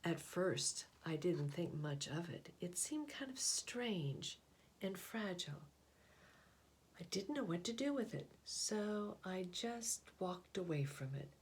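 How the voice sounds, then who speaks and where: There is slight background noise as a woman with a lowish voice reads a picture book aloud. She takes a storyteller's approach, with pauses and careful, expressive phrasing.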